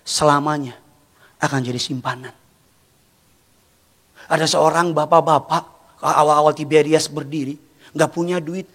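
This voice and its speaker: A man preaches in a high voice, telling stories with animated energy that often rises to shouts. His sermon rings with the long reverb of a church hall. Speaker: pastor.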